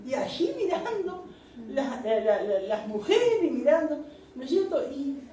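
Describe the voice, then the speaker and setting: Unhurried yet very animated, a woman's high, mellow voice gives preachy Bible instruction, peppered with amens and "¿no es cierto?" Recorded in an echoey church meeting room with a faraway mic, the clip carries slight background noise.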